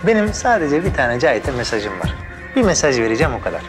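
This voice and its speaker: An actor playing a hot-tempered young man who insists he is calm while he threatens people, in a TV drama. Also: mid-range voice, fast, close to an everyday voice. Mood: blustering. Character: short-fused young man, blustering tough. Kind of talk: TV drama acting. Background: background music.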